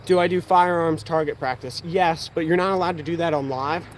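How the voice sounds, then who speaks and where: An eighteen-year-old with a Pennsylvania accent hosts an outdoors channel livestream, shooting archery outside while casually answering viewer questions. His voice is fairly high and fairly quick, and faint outdoor noise can be heard.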